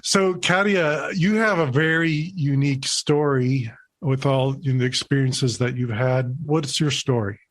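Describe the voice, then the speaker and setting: Slow, deliberate male podcast host. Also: medium pitch. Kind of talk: podcast interview.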